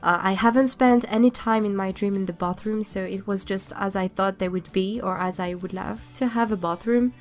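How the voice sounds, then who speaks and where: Over soft background music, a young non-native English speaker with a blocked-up, cold-affected voice narrates her speed build as a YouTuber. Her pitch is medium and her intonation fairly even, and she keeps a normal pace with hardly any pauses, though her casual talk still rambles hesitantly with many restarts.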